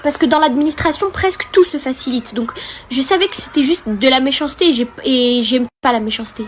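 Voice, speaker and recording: Young woman vlogger, high and quick, emotional storyteller who acts out dialogue, faint hiss behind. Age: young adult. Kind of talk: casual storytime to viewers.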